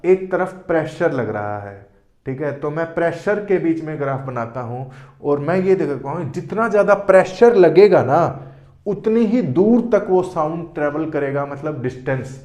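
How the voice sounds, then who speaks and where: A man's voice: a little high, animated, normal speed, mellow. A man teaching a board lesson who asks questions and answers them himself, often saying "theek hai". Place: classroom with board. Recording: echoey room.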